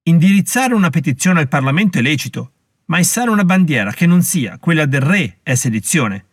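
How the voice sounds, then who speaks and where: A man's voice: a little high, big pitch swings, brisk, dry recording, clean studio sound, pitched above the performer's own voice. A man voicing a stern, haughty colonial official who lectures and threatens with scorn in an audiobook reading.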